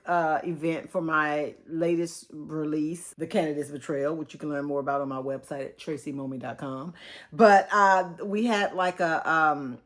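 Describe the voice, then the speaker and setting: Speaking to "y'all," her viewers, a Texan woman in her fifties chats loosely through a book review on her casual vlog. Her easygoing delivery wanders, and her voice lies a little low for a woman.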